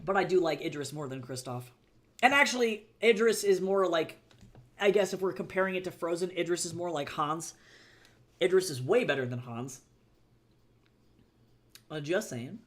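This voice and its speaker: An indie fantasy author chats casually between reading passages on a live stream. Their speech rambles along, full of fillers and quick laughs, in an ordinary middle-pitched voice on a streaming mic.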